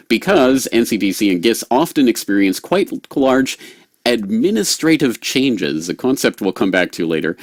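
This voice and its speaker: A man explaining temperature data in a halting way, with many pauses and restarts. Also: deep voice, dry recording, studio quality. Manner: halting, full of fillers and restarts. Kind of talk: explanatory talk.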